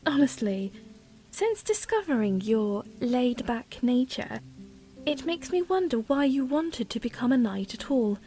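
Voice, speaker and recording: A woman playing a young princess in a fantasy audio drama, speaking formally and gently with some hesitation. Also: fairly high pitch, sing-song, takes it slowly, faint music behind. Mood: probing, wistful. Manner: formal, careful phrasing with hesitant stammers.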